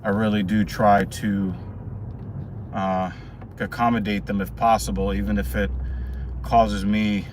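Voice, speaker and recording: A man out of breath after a workout, talking in a casual car vlog and rambling with halting pauses. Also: fairly low pitch, level tone, distant mic. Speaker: vlogger. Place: in a parked car. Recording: car and street noise. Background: outdoor traffic and car noise.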